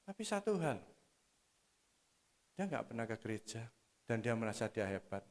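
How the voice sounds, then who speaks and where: A man preaching a sermon, calling the congregation "saudara" and swinging between soft, low asides and loud, emphatic exhortation. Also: big pitch swings, normal speed.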